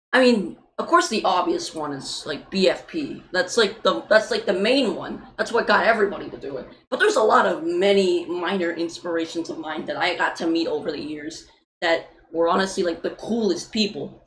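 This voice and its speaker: A woman's voice: fairly low pitch, normal speed, slight background noise, low-quality recording. A young woman, an indie game developer, chatting loosely in a livestream Q&A with many fillers and casual swearing.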